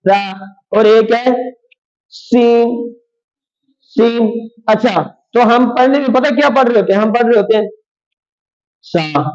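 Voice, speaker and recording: High-voiced man teaching letter sounds. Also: darkish tone. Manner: repeats sounds slowly for learners to copy. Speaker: Quran recitation teacher. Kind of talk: lesson on letter pronunciation. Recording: dull lo-fi sound.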